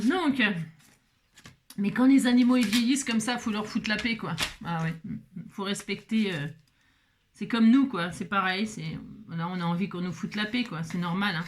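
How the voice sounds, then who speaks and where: A woman's voice: medium pitch, lively intonation, moderate pace, a little hiss or hum. A woman hosting a home craft tutorial, chatting casually as she works and often checking in with the viewer, with plenty of fillers while she thinks aloud. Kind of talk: casual step-by-step craft demonstration.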